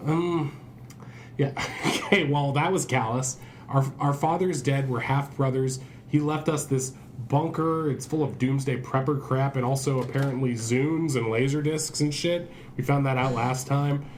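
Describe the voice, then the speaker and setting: A man's voice: mid-range voice, unhurried, close to an everyday voice. A man playing a griping, flustered podcast host in an audio drama, rambling and stammering as in casual chat. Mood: joking, weary. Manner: rambling, stammering, sweary, exasperated. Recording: clearly noisy background.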